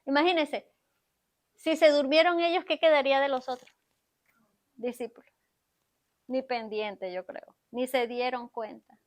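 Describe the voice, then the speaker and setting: A woman with a high-pitched voice delivers a sermon from the pulpit of a church. She speaks straight to her congregation and keeps stopping to ask them questions. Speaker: preacher. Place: church sanctuary.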